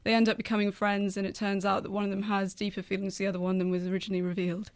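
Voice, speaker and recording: A woman's voice: mid-range voice, flat delivery, rapid-fire, smooth. A woman speaking as a playwright guest in a radio interview, explaining her work.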